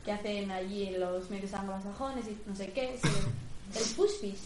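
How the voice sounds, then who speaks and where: A woman's voice: mid-range voice, normal speed, reverberant, noisy background. A young Spanish woman co-hosting a university radio show, chatting and teasing with laughter. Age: young adult. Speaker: radio co-host. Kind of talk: casual radio banter.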